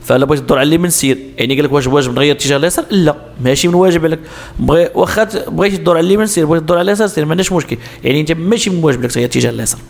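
A man's voice: fairly high pitch, rapid-fire, gravelly. A man with a Moroccan Arabic accent explaining road sign exam answers step by step, asking questions and answering them himself. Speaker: driving instructor.

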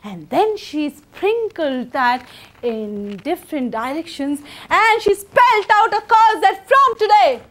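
High, slow, animated woman storyteller. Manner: theatrical, expressive, uses sound effects. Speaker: children's storyteller. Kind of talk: live dramatic storytelling of a folktale. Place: medium-sized indoor room with seated children.

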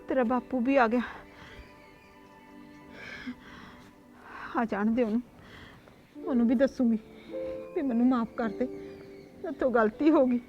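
An actress playing a nagging stepmother in a village comedy sketch, shrill and complaining. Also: dull audio, natural voice. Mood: remorseful. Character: nagging middle-aged stepmother who later repents. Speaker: actress in a short comedy film.

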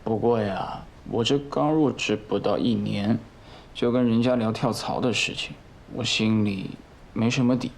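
A man's voice: fairly low pitch, normal speed, vocal fry, a little hiss or hum. A man playing a polite, cautious young office worker who talks in an earnest way. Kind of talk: comedic sketch acting. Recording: music under the voice.

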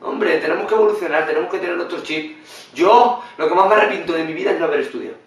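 A man giving blunt, animated vlog commentary in reaction to a video. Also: high voice, quick pace. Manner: animated, blunt and swearing, mimics others in funny voices. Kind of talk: casual opinionated commentary. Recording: very echoey room, mic at a distance.

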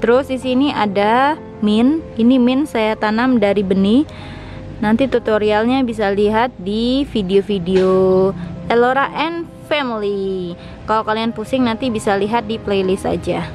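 A woman's voice: fairly high pitch, unhurried, over music. A young woman narrating a casual tour of her rooftop garden, chatty and enthusiastic as she explains each plant. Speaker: vlogger, home gardener.

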